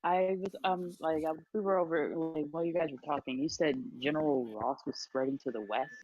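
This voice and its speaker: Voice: medium pitch, steady tone, brisk, darkish tone, lo-fi sound. Hesitant tabletop player.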